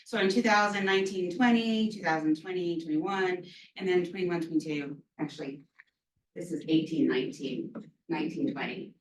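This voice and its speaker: A deep-voiced woman gives an academic lecture on a virus as an infectious disease lecturer, with slight background noise. She's chatty, using frequent ums and offhand self-deprecating asides, and the roomy lecture hall is recorded from far off.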